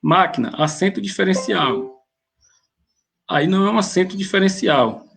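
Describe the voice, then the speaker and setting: Man, high voice, husky, methodical grammar lesson. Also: lively intonation, fairly bright tone. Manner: methodical, pauses and restarts mid-phrase. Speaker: grammar teacher. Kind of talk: explaining exam questions.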